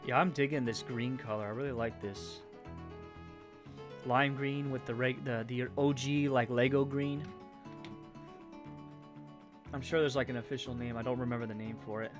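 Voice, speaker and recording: A man with a Canadian accent talks casually at a middling pitch as he builds a Lego set on a stream. He rambles, fills gaps with "uh" and "like," and trails off mid-thought, with faint music playing behind him. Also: steady tone, a little fast. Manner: rambling, with frequent fillers and trailing off. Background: faint game music.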